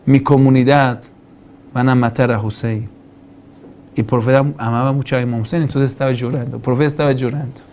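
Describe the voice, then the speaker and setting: A man's voice: mid-range voice, fairly even intonation, fairly quick, darkish tone, slight background noise. A male cleric giving a religious class, asking the room questions and quoting Arabic passages before explaining them. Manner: preaching with rhetorical questions and Arabic quotations. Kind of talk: religious lecture.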